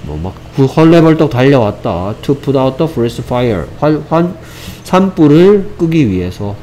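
A man's voice: mid-range voice, big pitch swings, slow, warm tone, slight background noise. A man teaching an English vocabulary lesson. He explains step by step, repeats each phrase, and mixes English examples into his explanations, speaking English with a Korean accent.

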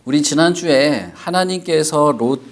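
A man's voice: fairly high pitch, a little slow. A man telling a Bible story to children as a Sunday school teacher, asking them questions and reading their chat replies. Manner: reads and answers live chat.

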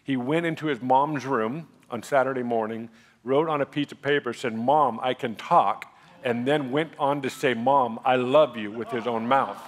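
A man in his thirties, a pastor, giving a conversational sermon on a large church stage, building to excited emphasis as he shares a testimony. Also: mid-range voice, normal speed.

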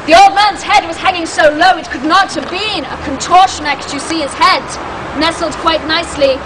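A woman guiding a ghost tour, telling a spooky tale theatrically with dramatic, ominous pauses. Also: extremely high pitch. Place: outdoors on broad stone steps at dusk. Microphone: camera a few metres away. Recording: noisy outdoor street recording with crowd.

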